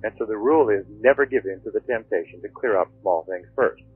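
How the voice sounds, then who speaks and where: A man's voice: fairly low pitch, fast talker, breathy edge, dry recording, soft background music. A man giving conversational productivity advice in a methodical, instructive way, heard through a telephone-like line. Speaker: productivity author and speaker. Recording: dry, tinny phone-like line.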